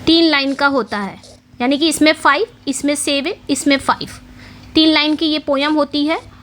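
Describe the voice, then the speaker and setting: Woman teacher with a high voice, exam-prep lecture, quiz-style questions and repetition. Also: a bit bright, slight background noise. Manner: explains in Hindi mixing English terms, repeats key points with quiz questions; reads English question text slowly. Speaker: English literature teacher.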